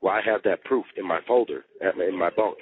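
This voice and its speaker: Speaking fast in a low voice, an inmate makes a casual personal phone call, circling back over the same points with slang and swearing. The jail phone connection is tinny.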